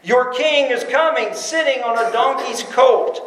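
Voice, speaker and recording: A man preaching a sermon as pastor, animated, dropping his voice low for emphasis and acting out the crowd's cries, recorded in a church sanctuary. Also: a little slow, echoey room, slight background noise, low-quality recording.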